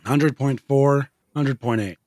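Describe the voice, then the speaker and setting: A young man co-hosting a podcast in casual chat, his voice hoarse from a fever, talking in a low-key way. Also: takes it slowly, darkish tone, no room sound. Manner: low-key, talks little while sick. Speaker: podcast co-host.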